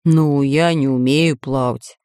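A woman's voice: on the high side, fairly even intonation, moderate pace, darkish tone, no echo, natural voice. A timid, mopey pirate from a children's story, voiced by a woman. He whines and sulks in a gloomy tone. The recording is dry and close. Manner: gloomy and whining. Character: sad clumsy male pirate, timid. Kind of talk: children's audiobook voice acting.

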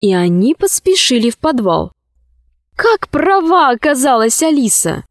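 A woman reading a children's fairy tale aloud in a slow, expressive way. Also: high-pitched, no echo, studio quality. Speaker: narrator.

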